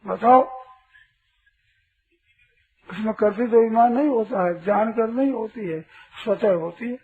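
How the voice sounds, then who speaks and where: High-voiced man preaching on a tinny recording. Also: a little slow, slightly rough. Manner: asks rhetorical questions and sternly corrects a questioner. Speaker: spiritual teacher. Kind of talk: spiritual discourse to an audience. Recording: tinny lo-fi recording with faint hiss.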